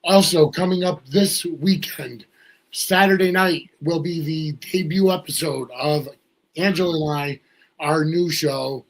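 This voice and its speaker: A man's voice: fairly high pitch, unhurried, slight background noise, low-quality recording. A man from the US Northeast hosting a casual talk show, his voice not quite at full strength. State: voice slightly off, not fully recovered. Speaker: podcast host.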